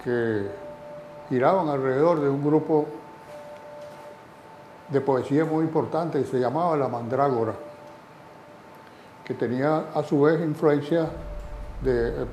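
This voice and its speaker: A man explains his subject slowly in a documentary interview, hesitating and filling his pauses. His voice is mellow and dark, and the room around him echoes. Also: mid-range voice, slight background noise. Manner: slow, hesitant, with fillers. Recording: roomy interview audio.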